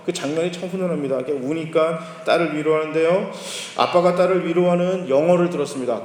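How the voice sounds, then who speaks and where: Male pastor, storytelling sermon, slightly high voice, reverberant church hall. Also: a little mellow, a little hiss or hum. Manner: conversational storytelling preacher. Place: church sanctuary.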